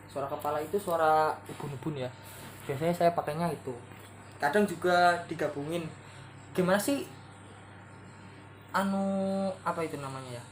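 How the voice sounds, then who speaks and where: Man, chatty singing tutorial, halting and searching for words, roomy echo. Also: fairly high pitch, fairly bright tone. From Kebumen, Central Java, Indonesia. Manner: rambling, searching for words, clears throat often. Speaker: singer giving vocal tips. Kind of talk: casual spoken tutorial. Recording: roomy echo, faint background noise.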